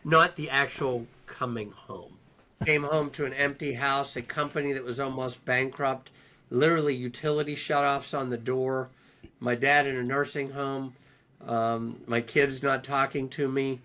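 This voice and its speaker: A middle-aged man as an interview guest, recounting his experiences in an unhurried, reflective way with frequent ums and restarts. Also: medium pitch, steady tone, bright, forceful tone. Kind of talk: personal storytelling in conversation.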